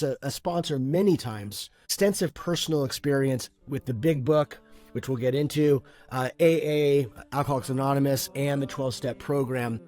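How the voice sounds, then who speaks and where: A man hosting a faith podcast, introducing guests in a measured, earnest way with some fillers. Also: mid-range voice, a little mellow, no room sound. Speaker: podcast host and moderator.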